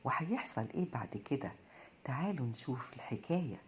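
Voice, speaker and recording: A woman with an Egyptian Arabic accent narrating a children's bedtime story in a gentle storytelling cadence. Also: extremely low pitch, animated, fast, a little hiss or hum.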